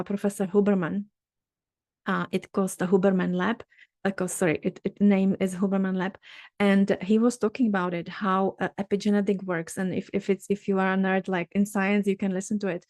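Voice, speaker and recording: A middle-aged woman with a Czech accent teaches a workshop session, earnest and halting, often restarting her sentences. Her pitch stays level and even. The recording is dry and close. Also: no room sound. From Czech Republic. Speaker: dermatologist leading a workshop. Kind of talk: workshop talk.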